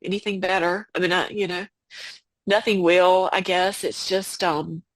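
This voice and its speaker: A woman guest on a podcast, speaking about a personal loss in a halting way, full of fillers and restarts. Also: fairly low pitch, flat delivery, no echo. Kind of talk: emotional personal conversation.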